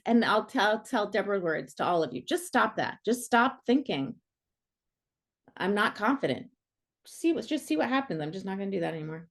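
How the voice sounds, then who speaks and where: A middle-aged woman coach leads a workshop in a loose, chatty way. She sounds playful and animated, with a mid-range voice and a steady, unhurried pull. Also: medium pitch, gravelly. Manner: animated and playful, many fillers like "like". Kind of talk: casual online workshop talk.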